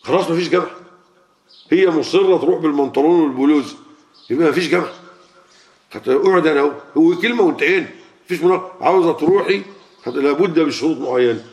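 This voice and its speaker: Speaking very fast in a slightly high voice, a man with an Egyptian Arabic accent preaches to a crowd in colloquial language, frequently questioning the audience. The recording sounds muffled and lo-fi.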